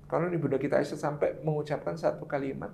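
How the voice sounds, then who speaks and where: An Islamic preacher appears as a guest in a casual religious talk, telling stories and animatedly acting out quotes. His voice is on the high side, quick, and gravelly. The recording has a roomy echo and slight background noise.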